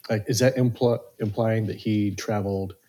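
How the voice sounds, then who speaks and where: A man's voice: on the low side, steady tone, moderate pace, dark tone, slight background noise. A man co-hosting a book podcast, asking hesitant questions full of fillers. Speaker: podcast co-host. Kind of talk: casual book discussion.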